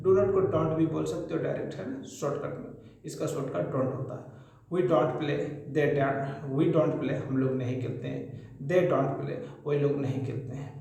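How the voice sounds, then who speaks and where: A man's voice: fairly high pitch, measured pace, gravelly, dark tone. A man teaching a spoken English grammar lesson, patiently drilling example sentences one after another. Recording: very echoey room.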